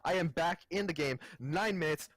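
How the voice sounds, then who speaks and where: A man's voice: fairly high pitch, normal speed, fairly bright tone, a little hiss or hum. Man whose call voice keeps cutting out. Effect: voice cutting in and out over an online call. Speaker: esports co-caster. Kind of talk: live game commentary.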